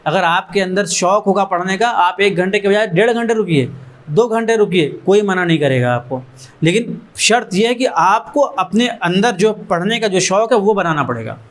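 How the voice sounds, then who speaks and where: A man's voice: sits high, animated, moderate pace, a bit bright. A man who founded an education trust gives an earnest motivational talk to students in a learning centre room, urging them on in strings of short repeated phrases.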